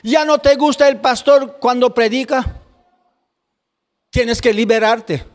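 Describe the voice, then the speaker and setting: A man preaching a fiery sermon, drawing out his phrases and breaking into shouts. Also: extremely high pitch. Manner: preaching with slow drawn-out phrases and sudden shouts. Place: church hall. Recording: long reverb of a church hall.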